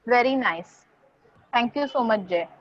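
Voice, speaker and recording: A woman teaches a class at a very slow, careful pace, taking her time over each sound. Her voice sits fairly high, dry and close, and the recording is dull and lo-fi. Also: lively intonation, no room sound. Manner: slow, deliberate, spells out pronunciation. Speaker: Sanskrit tutor. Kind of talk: online class lecture mixing Hindi and English.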